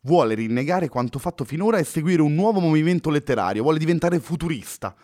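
An excitable, easily irritated poet who addresses people formally, in an old-fashioned manner, as a male narrator reads him. His voice sits a little above the reader's own and the sound is dry and close, with no room around it. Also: on the high side, fast talker, dry recording, pitched above the performer's own voice, natural voice.

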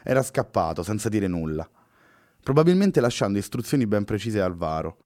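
A man reading a novel aloud in a steady storytelling manner. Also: fairly low pitch, a little fast, dry recording, clean studio sound. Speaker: narrator. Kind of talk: audiobook narration.

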